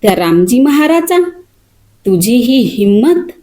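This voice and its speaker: A woman voicing an angry village man who shouts harsh threats. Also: a little high, sing-song, takes it slowly. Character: angry village man guarding a temple pond.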